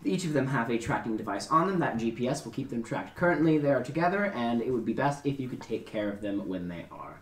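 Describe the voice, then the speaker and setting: A man running a tabletop game as game master, narrating in a loose, joking way. His voice sits at a middling pitch. The room gives it a noticeable echo. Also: expressive, fast talker, few pauses, far from the mic. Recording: roomy echo.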